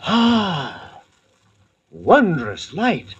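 A man's voice: high voice, very animated, very slow, breathy edge, highs cut off, heavily acted. A man playing a stately, credulous medieval king with archaic diction, in 1940s radio drama style. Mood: awed. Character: grand, credulous King Arthur, awed by modern marvels. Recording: noisy old radio drama recording.

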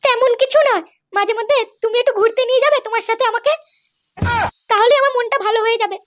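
A woman playing a coy flirty sister-in-law, very high. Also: quick pace, slight background noise. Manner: coy, teasing. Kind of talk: comic cartoon voice acting.

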